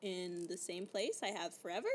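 A 22-year-old woman from British Columbia, Canada, hosts a podcast outdoors, chatting casually at a normal speed in a fairly low voice. Her talk is full of "like" and casual swearing.

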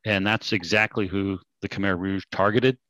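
A man from California with a fairly low voice interviews his guest, asking long, curious questions that wander before they land. His voice is dry and close to the mic. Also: steady tone, moderate pace, pushed and bright, no echo, low-quality recording. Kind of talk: casual interview talk.

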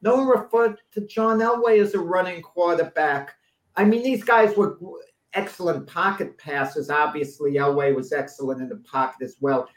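A man's voice: a little high, moderate pace, roomy sound, low-quality recording. A man co-hosting a casual sports talk show, opinionated and argumentative, pushing his points with rising emphasis.

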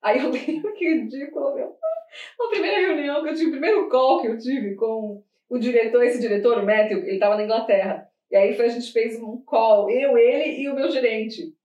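A Brazilian woman with a Brazilian Portuguese accent chatting casually, telling animated stories, laughing often and acting out what others said. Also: on the high side, brisk, highs cut off. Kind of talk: casual chat. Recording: roomy sound from a distant mic.

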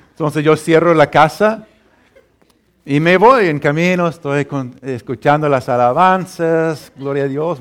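Halting Spanish-speaking pastor man preaching. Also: fairly high pitch. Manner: halting, many restarts, chuckles at his own story. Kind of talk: sermon.

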